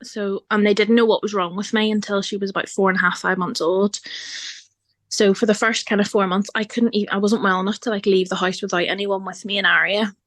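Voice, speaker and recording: A woman's voice: mid-range voice, little pitch movement, a little fast, a bit bright, no room sound. A woman from Ireland, a podcast guest talking openly in a casual chat and laughing often. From Northern Ireland. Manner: chatty and open, laughs often.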